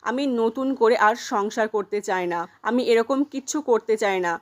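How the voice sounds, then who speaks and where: A woman's voice: fairly high pitch, moderate pace, close to an everyday voice. A woman voicing a firm, defiant middle-aged mother in a retold soap-opera scene.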